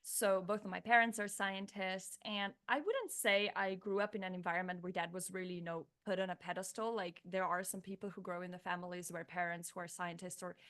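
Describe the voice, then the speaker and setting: A woman in her thirties from Slovenia, a Slovenian native speaker, guest on an interview, talking in a reflective, animated way with many restarts. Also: fairly low pitch, a little fast, hardly any pauses. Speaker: guest, neuroscientist turned coach. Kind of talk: casual interview chat.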